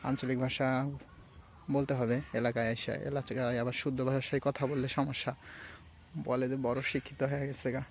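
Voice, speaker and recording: Here a young man from Sirajganj vlogs casually by the rice fields, his mid-range voice moving at a moderate pace over slight background noise. His talk wanders easily, mixing standard Bengali with the regional Sirajganj accent.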